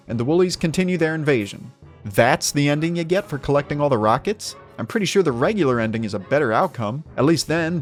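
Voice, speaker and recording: Wry man narrating a game review. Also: mid-range voice. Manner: sarcastic, wry. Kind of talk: scripted video essay narration.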